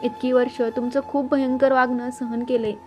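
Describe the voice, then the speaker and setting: A woman voicing a long-suffering middle-aged mother who answers back quietly. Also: high-pitched, flat delivery, normal speed, soft background music, lightly acted. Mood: defiant. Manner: quiet, defiant.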